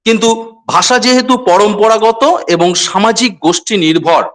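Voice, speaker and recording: A man from West Bengal giving a lecture to students, repeating key phrases and speaking to them directly in a measured, explanatory way. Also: high-pitched, fairly bright tone. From West Bengal, India. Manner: measured explanatory delivery with pauses. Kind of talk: online lecture.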